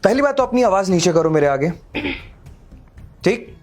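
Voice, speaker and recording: A man's voice: high voice, sing-song, normal speed, a little mellow, soft background music. A young man acting a scornful, lecturing rich boyfriend in a dramatic short film. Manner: scornful, lecturing, raises voice in arguments. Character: arrogant wealthy young man, contemptuous and moralizing. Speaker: actor playing Sahil, a rich boyfriend.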